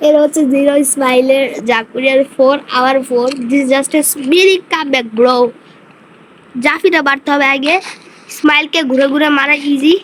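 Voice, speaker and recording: High-voiced excitable woman gamer. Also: moderate pace. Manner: excitable, chatty, talks to viewers. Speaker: gaming streamer. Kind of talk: casual gameplay commentary. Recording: noisy background hiss.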